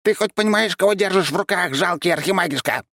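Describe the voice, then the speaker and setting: A man's voice: high-pitched, quick pace, a bit bright, no room sound, clean studio sound, pitched above the performer's own voice. A man voicing a small, haughty male demon creature that poses as a cat, shrieking insults in a storybook reading. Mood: shrieking, indignant.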